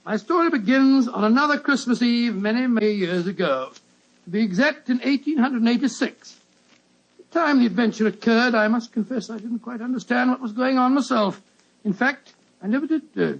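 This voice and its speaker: An actor playing a genial British gentleman doctor reminiscing on an old radio show, in a chatty, hesitant way. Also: sits high, gravelly, heavily acted. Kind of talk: old-time radio storytelling. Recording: muffled vintage radio broadcast.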